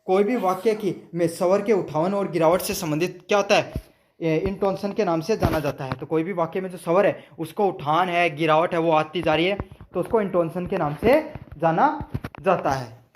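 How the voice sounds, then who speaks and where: A man's voice: high voice, slight background noise. A young male teacher giving an exam-prep lecture, asking his own questions, answering them and repeating answers for students to memorize, with English terms mixed in. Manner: mixes English terms into Hindi.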